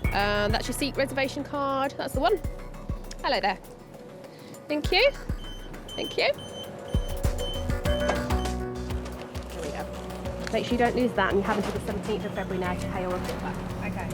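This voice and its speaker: A woman speaks as a train conductor doing her rounds. She talks very quickly, in polite, official phrases used for checking tickets and fines. It is recorded on location aboard a train, with the vehicle heard around her. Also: mid-range voice, loud music behind the voice. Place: on board trains and around a busy station.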